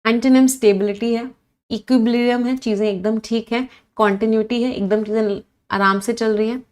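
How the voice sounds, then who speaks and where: A woman with a slightly high, darkish voice and fairly even intonation speaks fairly quickly while teaching English vocabulary online. She quizzes her students, praises their answers, and mixes Hindi and English as she spells out words.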